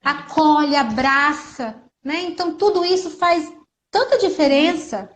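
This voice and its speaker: Brief: high-pitched woman, earnest, conversational parenting talk. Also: measured pace, a little hiss or hum. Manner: earnest, acts out gentle mother quotes. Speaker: guest speaker on parenting. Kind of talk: casual conversation.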